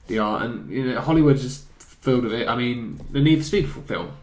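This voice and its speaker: Captured in an echoey room indoors, the host of a video game chat show steers an opinionated, relaxed talk among friends. He speaks briskly in a mid-range voice with a slightly mellow quality.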